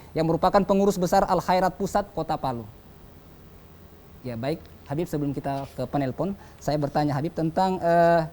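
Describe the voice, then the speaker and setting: An Indonesian TV host with a mid-range voice guiding a religious talk show. The host summarizes and asks questions in a polite manner, often hesitating with filler sounds. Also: mid-range voice. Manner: frequent hesitations with "eh", polite affirmations. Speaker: TV program host.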